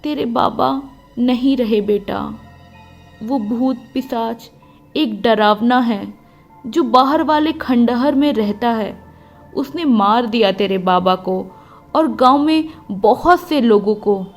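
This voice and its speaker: A woman voicing a middle-aged village mother who hides her grief, talking in a hushed, hesitant and evasive way. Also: a little high, slow, faint music behind. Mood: tearful.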